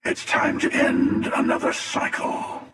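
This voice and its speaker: A man playing The Hunter, a cynical, menacing older villain in a video game, with a breathy rasp and a slow, sardonic, world-weary delivery. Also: a bit bright. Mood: cold menace. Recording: long echoing reverb, distant from mic.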